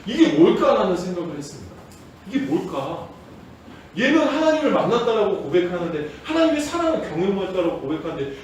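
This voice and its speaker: A male pastor giving a Sunday sermon, telling stories in a lively way and sometimes acting out loud, shouted prayers. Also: sits high, heavy reverb, distant mic, slight background noise, low-quality recording. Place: church sanctuary.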